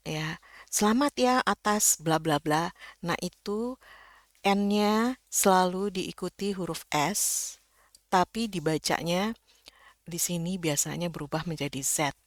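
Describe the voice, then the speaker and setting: A woman's voice: lowish voice, dry recording. Patient woman teaching pronunciation, dry sound. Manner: patient, explanatory, demonstrates sounds slowly. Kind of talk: casual pronunciation lesson. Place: indoors, rain heard outside.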